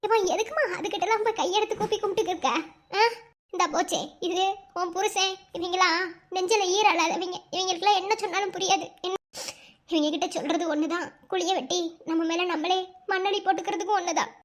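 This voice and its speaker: ஒரு பெண் பேசும் மனம் உடைந்த மதுரை வட்டார இளம் பெண். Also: female voice, very high-pitched, steady tone, brisk. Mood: bitter resigned. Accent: Madurai Tamil. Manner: bitter, resigned, weary. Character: sorrowful young village bride forced into engagement. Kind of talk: cartoon voice acting.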